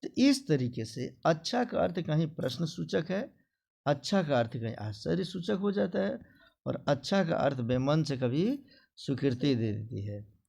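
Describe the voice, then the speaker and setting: A male teacher explains a grammar lesson to children. He speaks slowly with a gravelly edge, and his pitch rises and falls widely. He acts out example phrases in a sing-song way. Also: lively intonation, a little mellow.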